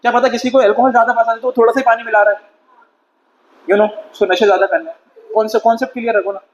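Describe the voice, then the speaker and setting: A man's voice: extremely high pitch, little pitch movement, quick pace. A man teaching a chemistry class in a chatty lecture style, questioning and scolding his students. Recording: dull lo-fi sound with faint noise.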